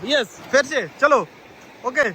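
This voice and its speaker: Male travel vlogger with a high voice, chatty, excited and talking straight to viewers, faint outdoor noise behind him. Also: moderate pace. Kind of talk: casual travel vlog narration. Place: outdoors by a mountain river.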